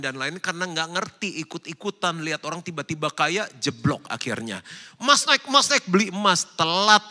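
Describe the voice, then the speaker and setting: A man's voice: a little high, pushed and bright, big-room sound. A male pastor giving a casual, joking sermon and asking the congregation questions.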